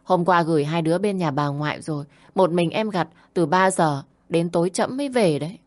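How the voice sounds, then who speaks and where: A woman's voice: on the low side, fairly quick, lightly acted. A woman voicing a scheming young daughter-in-law who sweet-talks on the phone and hisses through her teeth when angry. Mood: sugary.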